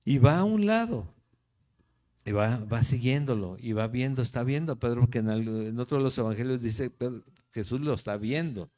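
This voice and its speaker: A man's voice: mid-range voice, a little fast, mellow. A man from Jalisco, Mexico, with a Mexican Spanish accent, teaching the Bible verse by verse as a pastor in a conversational way, often checking in with his listeners. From Guadalajara, Jalisco, Mexico.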